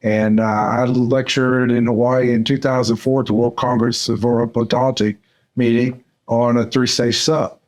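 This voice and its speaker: Older man from Arkansas, unhurried. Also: medium pitch, flat delivery, a little mellow. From Central Arkansas, USA. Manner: unhurried, with many "uh" fillers. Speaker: dental surgeon and course mentor. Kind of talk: podcast interview.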